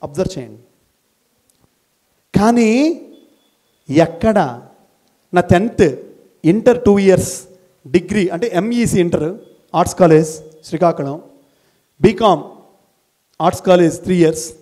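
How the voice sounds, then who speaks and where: A middle-aged man from India, a school principal, giving an animated motivational talk to college students, firing rhetorical questions and repeating key phrases for emphasis. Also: high-pitched, a little slow, long pauses. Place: college gathering, addressing students.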